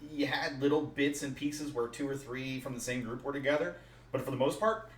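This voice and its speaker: Podcast co-host, male, animated rambling talk, roomy sound, slightly off-mic. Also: medium pitch, fairly quick. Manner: talkative, animated recounting. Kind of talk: casual chat. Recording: roomy, distant mic with faint noise.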